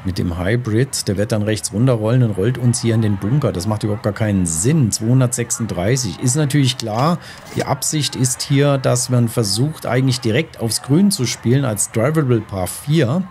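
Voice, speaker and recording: A man's voice: medium pitch, normal speed, darkish tone. A man giving casual let's-play commentary, thinking aloud and deliberating to himself as he plays. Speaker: gaming host. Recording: faint background game noise. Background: golf game ambience.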